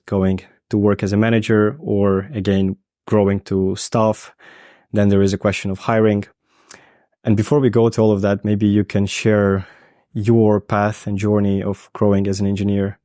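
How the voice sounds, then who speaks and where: A man's voice: fairly low pitch, dark tone, no room sound, studio quality. A man in his thirties hosting an interview podcast, asking long rambling questions with many fillers. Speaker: podcast host. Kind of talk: casual interview.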